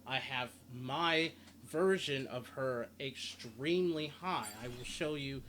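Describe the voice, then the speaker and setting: Over game sounds and ambience, clearly audible in the background, a gaming guide creator gives a casual video game walkthrough, explaining and reading out stats. His medium-pitched voice is slow, pushed, and bright.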